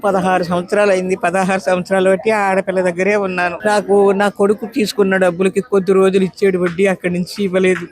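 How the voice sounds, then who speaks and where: A woman's voice: medium pitch, little pitch movement, fast talker, hardly any pauses, a little mellow. A woman in her nineties, an elderly petitioner, giving a long, pleading account of her grievances in an interview. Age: 90s. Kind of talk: emotional interview testimony.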